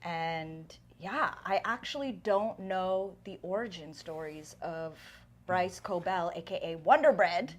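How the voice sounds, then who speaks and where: A woman's voice: on the low side, slow pace. Playful chatty woman host, thirties. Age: 30s. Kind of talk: casual interview chat.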